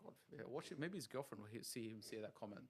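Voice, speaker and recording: Monotone man, deadpan podcast guest. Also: lowish voice, fast, breathy edge. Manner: monotone, flat and disinterested delivery. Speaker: podcast guest, card vendor and streamer. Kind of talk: casual podcast banter.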